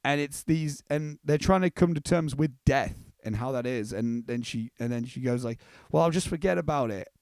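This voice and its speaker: A man's voice: mid-range voice, flat delivery, normal speed, few pauses, darkish tone, clean tone. A young man talks through a film review in an earnest, rambling way, often stopping and restarting his sentences. His voice sits in an ordinary middle register. The sound is dry and close, with no room echo. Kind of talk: casual spoken movie review.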